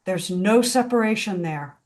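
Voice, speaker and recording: Leading a spiritual discussion group over a video call, a woman speaks slowly, reflectively and contemplatively. Her voice is medium-pitched, animated and a little mellow.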